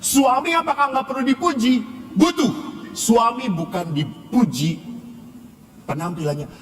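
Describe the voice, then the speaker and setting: Javanese-accent priest man, high voice, joking sermon, lots of hall reverb. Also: animated, unhurried. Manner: playful storytelling, acting out quoted voices. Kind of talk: humorous sermon at a revival service. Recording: long hall reverb, faint background noise.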